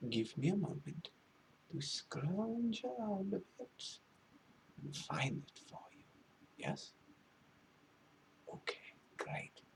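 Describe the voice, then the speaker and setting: A whispered role-play of a fussy, condescending librarian acted by a man. He speaks slowly and haltingly in a breathy half-whisper that breaks into creak, with pompous, wordy phrasing. Faint hiss sits behind the voice. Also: a little high, heavily acted, rough recording. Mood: flustered, eager. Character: pretentious, fussy male librarian, condescending yet needy. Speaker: ASMR role-play performer.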